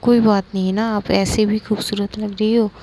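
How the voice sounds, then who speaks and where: A woman voicing a soft, clingy young woman in love. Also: medium pitch, level tone, moderate pace, slight background noise, natural voice. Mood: coaxing. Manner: soft, pleading and coaxing.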